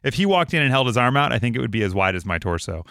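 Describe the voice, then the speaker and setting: A man's voice: mid-range voice, very animated, racing, gravelly, fairly bright tone, no echo, studio quality. Upbeat chatty man hosting a podcast. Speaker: radio podcast host. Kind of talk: casual podcast chat.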